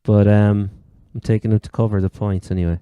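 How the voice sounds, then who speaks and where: Mellow, low-voiced Cork man talking sport. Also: steady tone, a little fast, clear, resonant tone, no room sound, clean studio sound. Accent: Cork, Irish. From Ireland. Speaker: sports podcast host. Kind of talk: casual sports chat.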